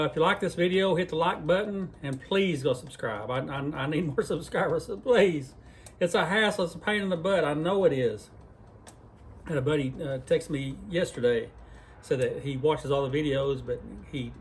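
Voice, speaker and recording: A man's voice: a little high, slightly rough. A man hosting a casual cooking vlog in a barn workshop, talking in a folksy, rambling, self-deprecating way. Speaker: cooking channel host. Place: barn workshop where deer are cleaned.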